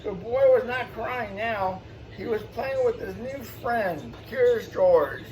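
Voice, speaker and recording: Reading a children's picture book aloud at storytime, a man adds exclamations and explanatory asides for young listeners. His voice sits high with a darkish tone, and he takes it slowly with lively intonation. The mic is distant, with faint background noise.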